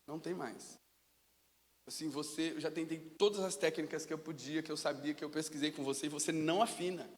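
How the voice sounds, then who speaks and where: Male pastor, high-pitched, lively storyteller from the pulpit; reverberant sanctuary sound. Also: a little fast. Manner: storytelling, animated, casual. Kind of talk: sermon. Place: church sanctuary. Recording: long reverb of a church hall.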